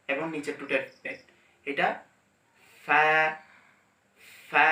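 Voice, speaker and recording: A man's voice: high voice, pushed and bright, recorded from a distance. Man teaching letter sounds in an echoey room. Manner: instructive, drawing out each letter slowly with demonstrations. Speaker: Quran teacher. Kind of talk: step-by-step pronunciation lesson. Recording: echoey room, mic set back.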